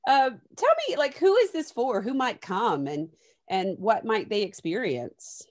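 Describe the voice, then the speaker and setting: A woman's voice: fairly high pitch, big pitch swings, a little slow. A young woman hosting a video call conversation in an encouraging, playful way. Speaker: host.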